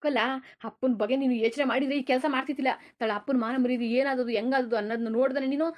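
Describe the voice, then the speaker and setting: A woman voicing a stern, quick-tempered rich village landlord father in a cartoon, scolding and repeating herself. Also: high voice, steady tone, lightly acted. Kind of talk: cartoon dubbing.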